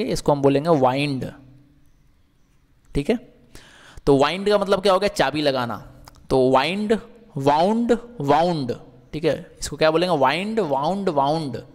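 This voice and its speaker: A man's voice: a little high, big-room sound. A man teaching English verbs in Hindi, asking questions and answering them himself, with frequent checks that the class is following.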